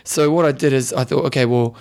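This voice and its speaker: A man speaks with a broad New Zealand accent at a middling pitch. He hosts a casual sports podcast and talks in a colloquial, matey way, sprinkling in local slang. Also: fairly even intonation, fast, a little mellow. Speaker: podcast host. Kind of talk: casual co-hosted sports chat.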